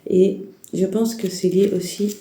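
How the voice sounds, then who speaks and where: Her voice mid-range, steady and mellow, a female tarot reader talks a little slowly despite a heavy head cold and sore throat. Addressing the viewer directly, she gives spiritual guidance in a halting, wandering way full of fillers and restarts. There's a roomy sound with a little hiss or hum.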